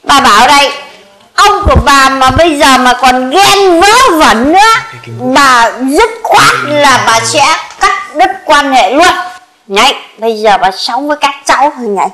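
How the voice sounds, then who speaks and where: A woman's voice: high-pitched, expressive, unhurried, bright, forceful tone, full character voice, rough recording. A woman playing a chatty old grandmother with a jealous husband, in a comic sketch, exclaiming and fussing in a sing-song Northern Vietnamese accent. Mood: grumbling.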